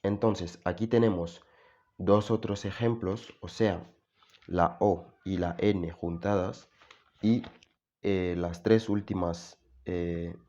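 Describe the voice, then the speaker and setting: Low, slow-talking male language teacher. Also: fairly even intonation, warm tone, dull audio. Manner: halting, many fillers and restarts, spells out sounds. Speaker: French teacher. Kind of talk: casual video lesson.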